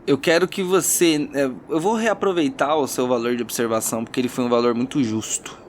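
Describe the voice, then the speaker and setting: Over background music, a Brazilian game master dramatically narrates a fantasy tabletop RPG, adding casual asides along the way. His medium-pitched voice stays steady and fairly quick, with slight background noise.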